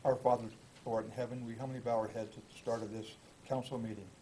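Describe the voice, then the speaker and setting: Solemn American man praying, mellow tone. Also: mid-range voice, flat delivery, a little hiss or hum, poor audio. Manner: solemn, halting phrasing. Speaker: council meeting invocation giver. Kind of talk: public prayer. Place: council meeting room.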